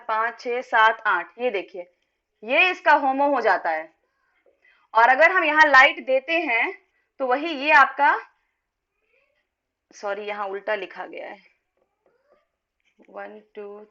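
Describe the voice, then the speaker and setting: A high, bright-voiced woman teaching chemistry. She explains step by step, counts electrons aloud and answers students as she goes. The audio is dull and lo-fi. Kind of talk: live online class. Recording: dull lo-fi online lesson audio.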